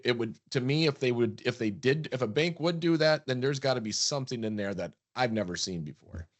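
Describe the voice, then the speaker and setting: A man co-hosting a business podcast, talking emphatically and often repeating words as he builds a point. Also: medium pitch. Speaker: podcast co-host, practice transition advisor. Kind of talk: casual podcast chat.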